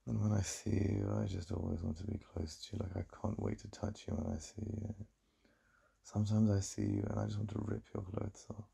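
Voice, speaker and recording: In an ASMR roleplay, a man plays a besotted English boyfriend, confiding his yearning to his lover in a British accent. His voice is very dark, soft, deep, breathy, and gravelly, with heavy vocal fry, and his delivery is intimate yet very animated and brisk, a full character voice. The mood starts tender and turns desirous.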